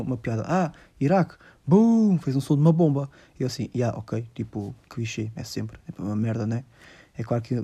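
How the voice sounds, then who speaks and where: A young man with a Lisbon Portuguese accent chats straight to his listeners. His voice is very dark and mellow. He rambles through the story in loose slang, tossing in English words as he goes. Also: mid-range voice. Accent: European Portuguese, Lisbon. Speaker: vlogger telling a personal story. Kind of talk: casual storytelling monologue.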